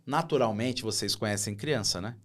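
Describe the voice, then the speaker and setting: A man's voice: fairly low pitch, normal speed. A middle-aged man, a podcast guest, telling a story with feeling and acting out the people in it. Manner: lively storyteller who acts out quoted dialogue. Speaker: guest, operations director.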